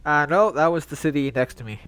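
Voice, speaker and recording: A man's voice: a little high, brisk, fairly bright tone, clear, resonant tone. A man co-hosting a comedy podcast, playing along with bits in a dry, casual way. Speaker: podcast co-host.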